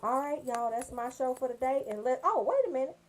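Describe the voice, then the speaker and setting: Brisk and high-voiced with lively intonation, an American radio host chats casually over slight background noise. Her style is slangy and joking, full of banter aimed right at the people tuning in.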